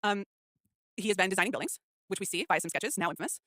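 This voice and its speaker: A woman's voice: medium pitch, fast talker, a bit bright, no echo, studio quality. A woman co-hosting a podcast, chatting casually about a film in a rambling way, full of false starts and filler words. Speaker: podcast co-host.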